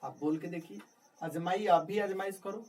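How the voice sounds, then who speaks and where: A man's voice: high voice, normal speed, darkish tone. A man teaching a grammar lesson, repeating key words and asking questions that he answers himself. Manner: repetitive, asks questions and answers them himself. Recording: distant mic with faint background noise.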